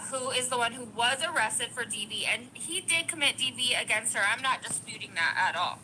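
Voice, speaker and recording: Bright, high-voiced woman streamer. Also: slight background noise, rough recording. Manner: emphatic, opinionated, gets loud when passionate. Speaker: streamer reacting to videos. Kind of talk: live-stream commentary.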